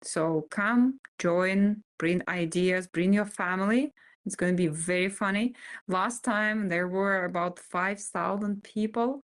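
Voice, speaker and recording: A woman's voice: medium pitch, slow. A woman with a Russian accent speaking informally as a guest at a seminar.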